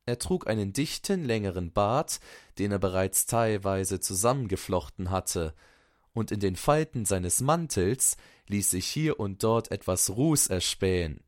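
A man reading a fairy-tale story aloud in a calm, soft-spoken way. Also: on the low side, measured pace, dry recording, studio quality. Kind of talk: scripted storybook narration.

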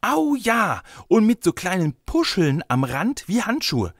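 A man voicing a sulky, excitable four-year-old boy in a storybook reading. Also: fairly high pitch, normal speed, dry recording, clean studio sound, pitched above the performer's own voice. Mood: excited. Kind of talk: audiobook character voice.

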